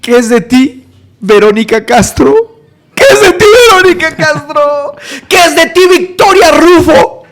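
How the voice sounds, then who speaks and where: Man acting as a desperate, tearful jail officer, raised and higher-pitched, pleading. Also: big pitch swings, slow pace, darkish tone, exaggerated voice. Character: weeping male Soviet jail officer, pleading.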